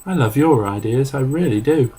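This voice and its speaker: A kind, chatty receptionist, read by a man in a near-plain voice. Her speech is warm, reassuring and a little gossipy, in an even middle register. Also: mid-range voice, normal speed, breathy edge, soft background music.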